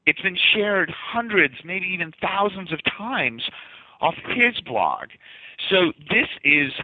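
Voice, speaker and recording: A man's voice: high-pitched, very animated, takes it slowly, breathy edge, no room sound. A man with a light Boston accent, a guest in his office explaining his marketing ideas eagerly and often restarting words. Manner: enthusiastic, explanatory, repeats words when restarting. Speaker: guest, marketing agency owner. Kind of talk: casual interview talk. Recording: tinny phone-like line, dry.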